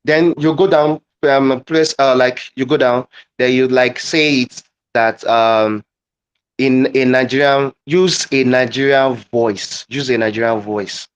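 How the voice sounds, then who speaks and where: A man leading a live online teaching demo, halting and repeating phrases as he dictates wording. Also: medium pitch, steady tone, clean tone, lo-fi sound. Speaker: guest presenter.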